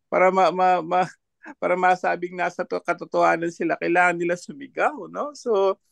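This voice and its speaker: A man's voice: high-pitched, steady tone, normal speed, vocal fry, a bit bright, no room sound. A man commenting as a panelist in an online discussion, mocking and laughing often between his points.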